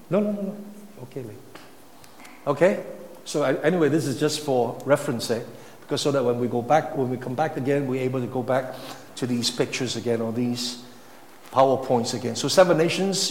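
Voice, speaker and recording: Man preaching, emphatic, loud then soft, long reverb, faint room noise. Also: mid-range voice. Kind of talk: sermon. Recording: echoey hall, faint ambience.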